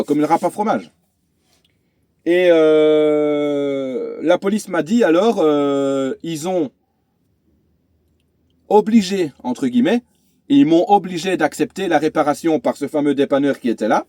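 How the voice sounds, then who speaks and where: A man's voice: a little high, mellow, no room sound, studio quality. Chatty man telling a road story. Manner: chatty, many fillers and restarts. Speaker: truck driver vlogger. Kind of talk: casual vlog storytelling. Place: inside a truck cab.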